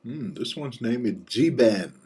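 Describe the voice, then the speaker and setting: A man hosting a casual screencast walkthrough of software, thinking aloud and dropping relaxed joking asides. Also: medium pitch, measured pace, slightly rough. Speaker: software reviewer and channel host.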